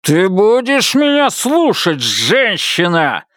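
A man's voice: fairly high pitch, very animated, measured pace, no echo, pitched above the performer's own voice. A snarling, bullying middle-aged husband, put on by a male reader, his voice pushed well up and swinging wildly as he barks orders. The sound is dry and close, with no room around it. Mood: raging. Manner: shouting, snarling, contemptuous.

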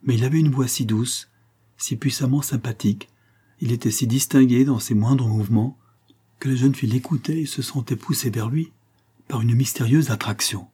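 Husky man narrating a classic novel. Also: mid-range voice, normal speed, dark tone. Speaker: audiobook narrator.

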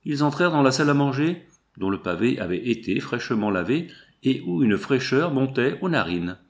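A man narrating a classic novel aloud in a measured, even way. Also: medium pitch.

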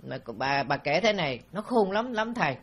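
Husky and a little high, this monk's voice carries a Southern Vietnamese accent as he narrates a story in a dharma talk at a fairly quick clip. The telling is easygoing and anecdotal, peppered with fillers.

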